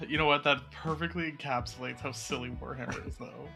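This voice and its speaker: A man hosting a podcast in casual chat, relaxed with frequent filler words. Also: mid-range voice, fairly quick, vocal fry, soft background music. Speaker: podcast host.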